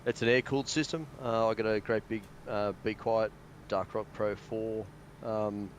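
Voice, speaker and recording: Casual Australian gamer guy, low voice, rambling, on a voice-chat mic. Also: fairly even intonation, normal speed, lo-fi sound, slight background noise. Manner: rambling, hesitant, many fillers. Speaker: guest pilot. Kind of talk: casual chat over voice call.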